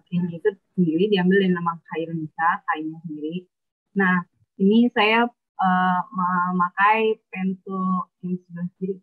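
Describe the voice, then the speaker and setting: Fields: Sex: woman. Role: student. Style: hesitant online class presentation. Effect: faint and choppy, phone held away. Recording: thin phone-like call audio. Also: lowish voice. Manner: hesitant, many filler sounds. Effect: faint, choppy voice as if the phone is held away on a video call. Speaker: student presenting her work.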